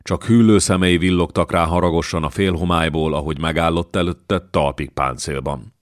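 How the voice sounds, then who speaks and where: Male audiobook narrator; extremely deep, measured, dry close sound. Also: fairly even intonation, no echo. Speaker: audiobook reader. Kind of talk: scripted narration of a historical novel.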